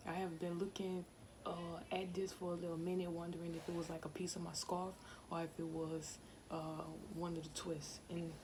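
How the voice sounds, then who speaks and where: A young woman in her twenties rambles on to her camera at home, chatty and full of asides. Her voice sits fairly low. The home video recording has a clear hiss of noise behind her. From Louisiana, USA. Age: 20s. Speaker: vlogger. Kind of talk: casual talk to camera. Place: home, indoors.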